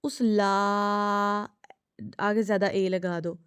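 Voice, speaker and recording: A woman teaches children recitation in a clear, smooth voice, modelling each sound slowly and repeating it again and again. She asks checking questions and answers them herself. The recording is close and dry. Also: medium pitch, a little mellow, no room sound. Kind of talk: tajweed lesson for children.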